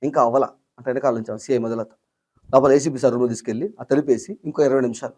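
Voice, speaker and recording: Young guy rattling off his story super fast, agitated, does everyone's voices. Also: medium pitch, fairly even intonation, a little mellow. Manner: acts out quoted voices, rushed and agitated. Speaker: interview guest. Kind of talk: emotional storytelling in an interview.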